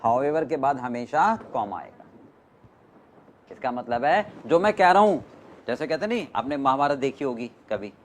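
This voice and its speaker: A man lecturing a class in an animated, emphatic way. His pitch swings widely as he stresses key words and keeps checking whether his students follow. He sounds like a teacher in the middle of a lesson. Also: normal speed, a little hiss or hum. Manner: lively, emphatic, questions the class often.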